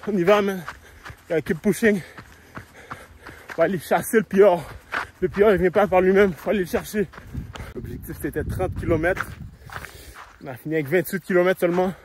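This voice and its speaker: A sick, breathless man with a Quebec French accent jogs along a road outside, chatting to his phone camera for a casual vlog and dropping in English slang. His high-sitting voice holds a steady tone at normal speed with frequent pauses, and the outdoor noise is loud.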